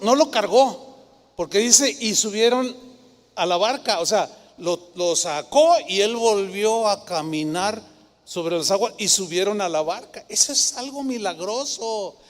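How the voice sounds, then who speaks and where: A Mexican pastor preaching with lively energy, his high voice leaping as he acts out the voices in his stories. A long reverb from the hall trails behind his words. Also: unhurried. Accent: Mexican Spanish. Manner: animated, acts out voices of doubters and Bible figures. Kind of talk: sermon.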